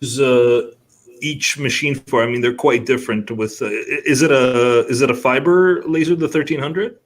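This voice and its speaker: A man's voice: mid-range voice, moderate pace. A man hosting a podcast interview over a video call. His voice is friendly and upbeat, and he laughs easily. He moves from one question to the next in a casual way. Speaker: podcast host.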